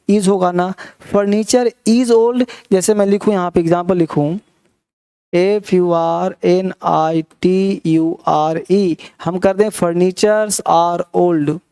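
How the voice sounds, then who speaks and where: Man, grammar teacher, classroom lecture, coaxing, quick questions. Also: sits high, dark tone. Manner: mixes Hindi with English terms.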